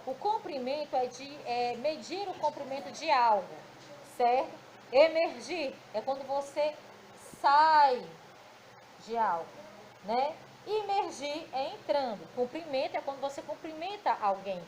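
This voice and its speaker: A woman's voice: high voice, lively intonation, unhurried, darkish tone, slight background noise, low-quality recording. A woman with a Brazilian Portuguese accent teaching a grammar lesson to children, recorded in a classroom, explaining patiently and often checking understanding.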